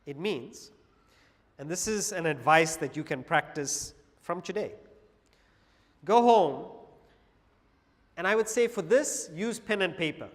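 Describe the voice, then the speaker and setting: A man giving a public talk on Vedanta philosophy to an audience, measured and paced with pauses and humorous asides. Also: on the high side, lively intonation, long reverb tail.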